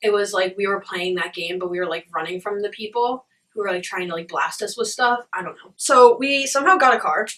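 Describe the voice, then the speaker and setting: Bright-voiced young woman, puzzled dream recounting. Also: medium pitch, a little fast, few pauses, recorded from a distance, rough recording. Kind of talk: casual storytelling to camera.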